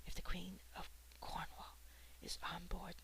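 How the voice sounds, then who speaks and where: A storyteller whispering the lines of a dying knight mourning his lost love, in a slow, gravelly whisper. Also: high voice, completely flat delivery, voice pushed up, heavily acted. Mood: urgent. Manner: soft whisper. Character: dying knight, grieving and lovesick.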